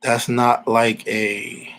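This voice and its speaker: A man's voice: medium pitch, level tone, extremely slow, a bit bright, low-quality recording. A man in his forties from Alabama giving casual, rambling opinions as a podcast host, repeating himself and using informal slang. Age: 40s.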